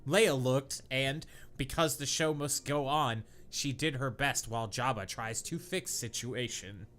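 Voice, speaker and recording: A little hiss or hum runs beneath a podcast host whose mid-range voice is a bit bright and measured in pace. His comic read-aloud of bad fan fiction is full of stumbles over the clunky prose, bursts of laughter and mocking, incredulous asides.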